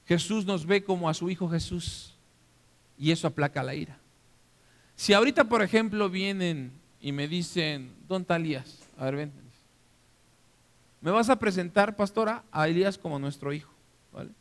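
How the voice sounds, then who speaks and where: A man with a Mexican accent preaching a sermon as pastor, animated and interactive, often checking that the congregation is following. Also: sits high, normal speed, long pauses. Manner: animated, acts out scenes for the listeners. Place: church hall. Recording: long reverb of a church hall.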